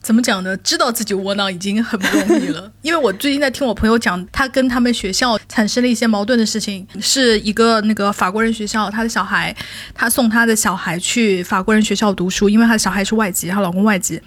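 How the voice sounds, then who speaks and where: A woman telling stories in a casual chat, animated, often laughing and building to mock outrage. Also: mid-range voice, quick pace, no echo.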